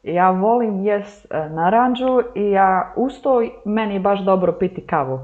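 A woman's voice: mid-range voice, measured pace. A young woman guest spinning casual anecdotes, switching into quoted voices and laughing between lines. Her voice sits mid-height. The audio is slightly dull and lo-fi. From Germany, Croatian family. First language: Croatian heritage speaker. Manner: animated storyteller, laughs often, acts out quotes.

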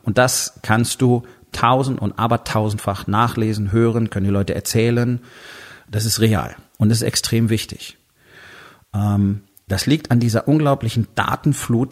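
Husky, blunt German-speaking man musing. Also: lowish voice, darkish tone. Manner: blunt and conversational, with crude words and many fillers; acts out inner dialogue in quoted asides. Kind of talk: casual spoken monologue.

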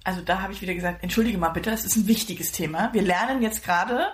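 Excitable woman podcast host. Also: medium pitch, quick pace. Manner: excitable, gushing storyteller. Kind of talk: casual chat. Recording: echoey room.

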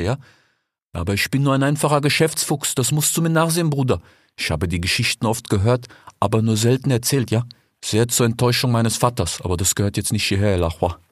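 A man's voice: fairly high pitch, husky, dry recording, clean studio sound. An actor playing a talkative male desert fox merchant in an audiobook fairy tale, tagging his sentences with a questioning "ja?". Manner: chatty, ends phrases with 'ja?'.

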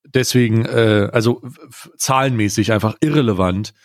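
Empörter Mann, trockener Klang. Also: male voice, lowish voice, moderate pace, no echo, studio quality. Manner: indignant, hesitant restarts, ranting. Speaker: podcast co-host. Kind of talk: casual political chat. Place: home studio.

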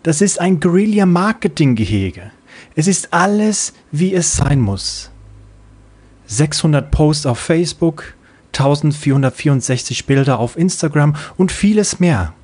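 A man voicing a kindly male bot who speaks in a gentle, reassuring way. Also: on the high side, big pitch swings, unhurried, husky, pitched above the performer's own voice, exaggerated voice.

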